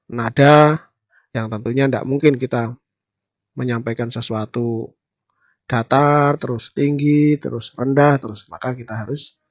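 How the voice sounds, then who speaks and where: A man with an Indonesian accent teaching preaching skills, stressing key terms with louder, higher bursts. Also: dry recording, muffled recording. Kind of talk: instructional talk.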